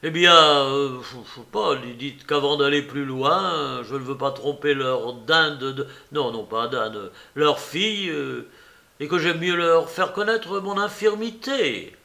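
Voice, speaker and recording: Man voicing a cheeky young nephew, wheedling, playful, bright, creaky, audiobook. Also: a little high, takes it slowly, full character voice. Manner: coaxing, playful, hesitant. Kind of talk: audiobook character reading.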